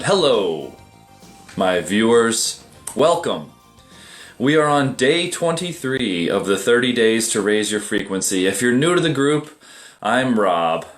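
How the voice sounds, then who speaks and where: A middle-aged man teaching meditation in a relaxed, conversational way, often asking rhetorical questions. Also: medium pitch. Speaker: meditation teacher and group admin. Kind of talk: casual livestream meditation talk.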